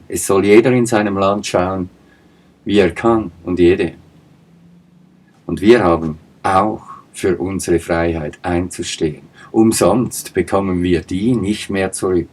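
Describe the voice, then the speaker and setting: A man's voice: sits low, takes it slowly, darkish tone. A man giving an emphatic political monologue, asking pointed rhetorical questions and repeating his points. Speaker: political commentator.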